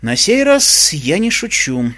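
A man's voice: sits high, sing-song, normal speed. A man voicing a witty male ship computer in an audiobook reading, with a joking storyteller's manner. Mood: serious.

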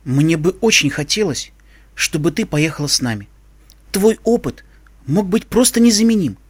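A man voicing an earnest, warm young female unicorn in a story reading. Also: fairly high pitch, big pitch swings, normal speed, slightly rough, no room sound.

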